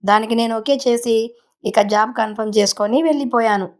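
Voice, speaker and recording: A woman narrating a first-person story in a conversational, unhurried way, with small restarts. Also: a little high.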